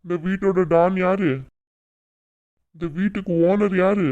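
A man's voice: high-pitched, flat delivery, measured pace, a little mellow. Cartoon dad, domineering bully, as a man plays him; mocking, scolding, muffled lo-fi. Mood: boastful. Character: bullying domineering village father, middle-aged man.

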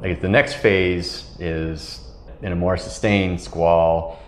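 Low-pitched and slow, with fairly even intonation, this middle-aged man is a tall ship captain rambling through sailing stories and laughing in a casual interview. He wears a lapel mic, and the wood-paneled ship cabin sounds reverberant.

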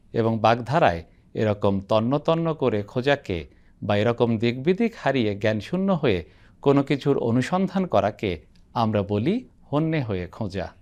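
Measured man presenting a language lesson. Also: medium pitch, a little mellow. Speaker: host. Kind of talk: scripted educational presenting. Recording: television studio.

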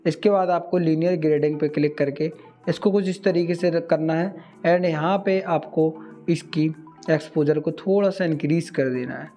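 A man, giving a steady step-by-step software tutorial as a video host. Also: on the high side, normal speed, soft background music. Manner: steady instructional, mixing English words into Hindi.

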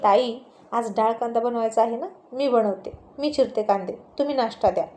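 A woman's voice: on the high side, fairly quick, mellow, close to an everyday voice. Helpful household woman, read by a woman. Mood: eager.

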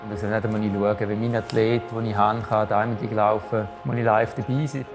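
A man's voice: fairly low pitch, little pitch movement, brisk, over music. A man with a Swiss German accent, a running coach, talking earnestly in a documentary interview with some restarts.

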